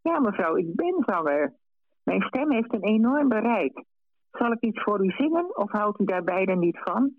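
A man's voice: high-pitched, big pitch swings, normal speed, no room sound, voice pushed up, exaggerated voice. A man voicing a polite, eager singer who is proud of his voice, in a dull, dry radio recording.

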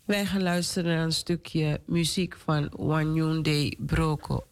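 A woman with a stuffy nose and a hoarse voice from a cold, presenting a devotional radio programme in a formal, measured way. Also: sits low, fairly even intonation, a little mellow, slight background noise. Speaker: radio host leading morning devotion.

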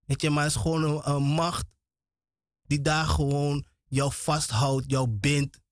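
A radio preacher delivers a sermon in a fairly high, flat, unhurried voice. He is emphatic and repetitive, often stumbling and restarting words. The recording is dry and close, with no sense of room.

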